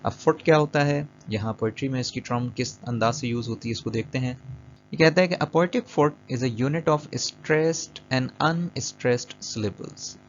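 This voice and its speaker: A man's voice: medium pitch, measured pace. A man teaching an English lesson over slides, patient and repetitive, mixing English terms into Hindi. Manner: patient, repeats and checks understanding; mixes English terms into Urdu-flavoured Hindi. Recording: dull lo-fi voice-over with soft music.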